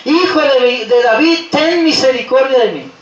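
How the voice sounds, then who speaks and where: A preacher acting out a blind beggar crying out. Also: male voice, huge pitch swings, moderate pace, highs cut off, exaggerated voice. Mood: pleading. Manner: loud pleading cries, rising high. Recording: roomy hall, voice from a distance.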